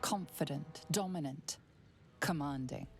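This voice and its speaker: A woman playing an ominous narrator of a dark fantasy game, gravelly and deliberate. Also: sits low, faint music behind. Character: ominous female storyteller narrating in second person.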